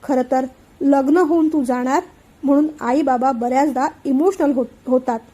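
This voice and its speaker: A woman's voice: sits high, normal speed, mellow, close to an everyday voice. A woman voicing a young man, an emotional elder brother, speaking in a heartfelt and earnest way in a read-aloud story. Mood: tender.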